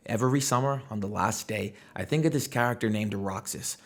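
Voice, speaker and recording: With a lowish voice and a brisk pace, a man runs a gaming commentary video. His talk is casual and opinionated, slangy and conversational, peppered with rhetorical questions.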